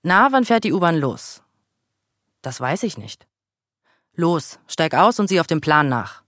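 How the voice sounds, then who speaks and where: A man's voice: a little high, animated, a little slow, a bit bright, no room sound, clean studio sound. A man voicing an aggressive young male thug in a subway car, bullying and taunting in a read-aloud story. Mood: bossy.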